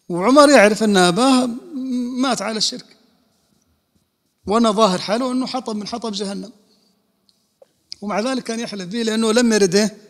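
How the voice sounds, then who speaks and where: A man whose voice sits high gives a religious lesson as an Islamic scholar, working through rulings by raising questions and answering them. The sound carries a long hall reverb.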